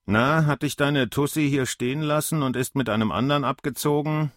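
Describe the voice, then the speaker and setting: A man's voice: medium pitch, fairly quick, no echo, studio quality, voice pushed up, lightly acted. A man doing a drunk, ranting old man. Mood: chummy. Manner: loud, indignant ranting. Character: drunk, belligerent old man, self-pitying.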